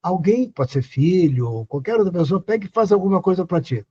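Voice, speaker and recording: Older man, husky voice. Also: sits high, expressive, a little fast, dark tone, lo-fi sound. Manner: earnest, repeats questions to the listener. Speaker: host. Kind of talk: casual advice talk on a live stream.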